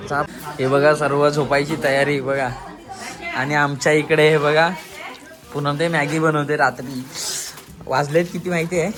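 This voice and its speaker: Filming a family trip outdoors at night, a vlogger narrates casually while handholding the camera, chatting and constantly pointing things out to viewers. His voice is a little high, delivered flat at a normal speed, with music and crowd chatter in the background.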